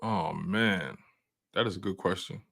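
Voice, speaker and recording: Chatting with his live-stream audience about sports, a man in his 20s sounds relaxed and slangy, frequently restarting sentences and repeating himself. His voice sits low and is creaky, with a slightly slow delivery.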